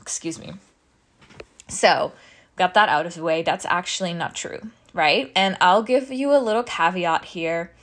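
A woman's voice: on the low side, a little slow. A woman in her thirties, a business coach talking casually to her audience, out of breath, chatty and asking "right?" often. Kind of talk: casual teaching talk.

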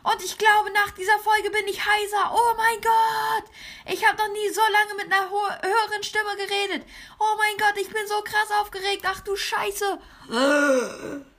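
Brash hyped YouTuber persona, squealing and crisp, a woman's put-on voice. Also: moderate pace. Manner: exaggerated high put-on voice; constant excited exclamations. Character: overhyped star YouTuber woman, bragging. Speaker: let's player. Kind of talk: gameplay let's play.

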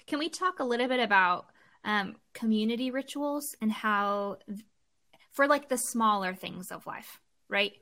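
A woman's voice: fairly high pitch, expressive, measured pace, sharp tone. A woman hosting a podcast, asking long, chatty, rambling questions and giving frequent affirmations. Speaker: podcast host. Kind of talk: conversational podcast interview.

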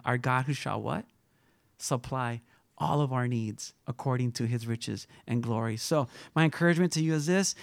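A man's voice: mid-range voice, creaky, darkish tone, no room sound, studio quality. A man preaching a conversational sermon, reading scripture, asking his listeners rhetorical questions and closing in prayer. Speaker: pastor.

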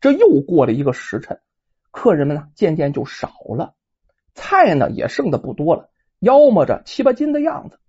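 Woman, storyteller, chatty, rhetorical questions, lively pitch, husky. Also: moderate pace. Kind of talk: colloquial oral storytelling. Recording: dull lo-fi recording.

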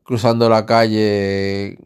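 A man's voice: fairly low pitch, little pitch movement, takes it slowly, a little mellow, clear, resonant tone. A man with a Spanish accent from Spain, hosting a casual solo podcast from home, talking in a rambling, candid and outspoken way. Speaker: podcast host. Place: alone at home.

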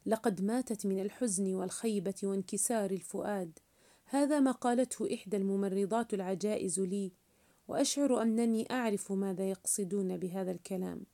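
A woman's voice: sits high, expressive, a little fast, creaky, dark tone, heavily acted. A woman voicing a sad young orphan boy. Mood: sorrowful. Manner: sorrowful and pleading.

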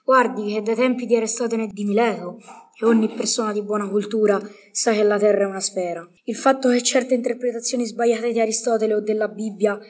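A woman's voice: mid-range voice, fairly even intonation, brisk, darkish tone, lightly acted. A woman playing a learned, proud medieval male poet in a scripted radio interview, speaking in a formal, didactic way. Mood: condescending. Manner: formal, didactic, bookish phrasing.

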